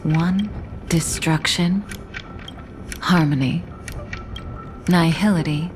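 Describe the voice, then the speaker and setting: A woman voicing an enigmatic, composed seer in a video game, speaking solemnly and softly, with some words breathed out in a whisper. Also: low-pitched, takes it slowly, a little hiss or hum. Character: enigmatic, composed female seer giving gentle guidance. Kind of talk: scripted game character acting.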